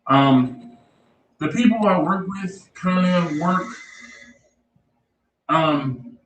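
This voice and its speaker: A man's voice: a little high, a bit bright. A man from Philadelphia hosting a casual live stream, telling a rambling story with lots of fillers, his voice muffled and echoing as if in a tunnel. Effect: muffled echoing tunnel-like audio. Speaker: livestream host. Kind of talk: casual chat. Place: outdoors near a pellet smoker. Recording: echoey distant stream audio with crowd noise.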